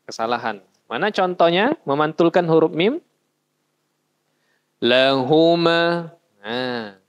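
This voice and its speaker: Guy teaching quran reading in a mosque, talks real slow, chants the examples. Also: on the high side, animated. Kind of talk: recitation lesson.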